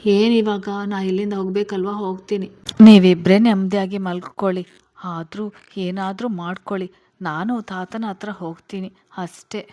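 A woman's voice: mid-range voice, fairly even intonation, moderate pace, dark tone, lightly acted. A woman voicing an earnest, playful young man in a spoken family story. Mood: cheeky.

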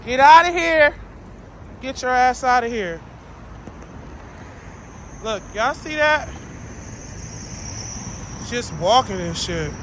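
A young woman vlogs from her car in a higher voice, taking it slowly with long pauses over slight background noise. Her casual chat is rambling, blunt, animated and full of profanity.

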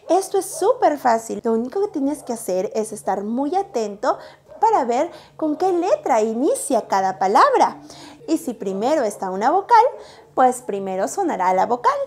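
Lively high-voiced woman teaching young children. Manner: slow, drawn-out sounds, cheerful praise. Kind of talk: children's phonics lesson.

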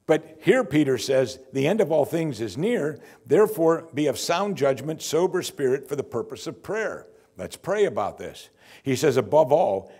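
Wearing a lapel mic, an older pastor delivers a sermon from the church pulpit with a wry, lively, conversational style. He has a husky, medium-pitched voice.

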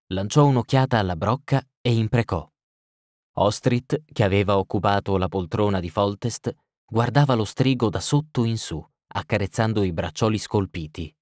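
A man narrates an audiobook in a steady, even storytelling voice. His voice sits low. The recording is close and dry, with no room sound. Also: no echo.

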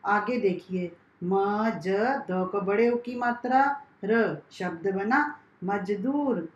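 A woman teacher giving a primary school lesson, spelling out each sound slowly and carefully for young pupils. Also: mid-range voice, muffled recording. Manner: slow, carefully spelled-out classroom instruction. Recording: echoey room.

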